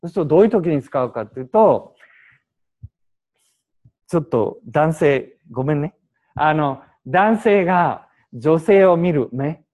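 A man teaching Japanese to a class, explaining with examples and short English glosses in a lively, animated way. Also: on the high side, measured pace, pauses often, narrow, tinny audio.

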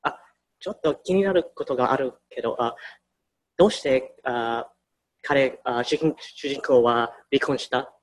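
A speaker in a casual film discussion, talking haltingly with many restarts. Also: medium pitch, animated, poor audio. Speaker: discussion participant.

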